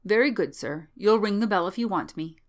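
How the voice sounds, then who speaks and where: A woman's voice: medium pitch, expressive, brisk, pitched above the performer's own voice, lightly acted. A woman voicing a wrinkled old manservant in an audiobook, deferential, chatty and worried, with rustic, servile speech. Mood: insistent, deferential. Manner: servile, rustic ungrammatical speech, frequent "sir". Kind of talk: audiobook character voice.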